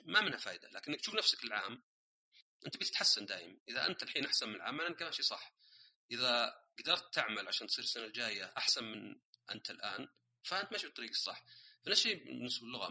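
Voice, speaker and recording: A man's voice: mid-range voice, bright, forceful tone, slightly rough, rough recording. A man hosting a casual solo podcast, explaining ideas through everyday examples and dropping English words into his speech. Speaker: podcast host.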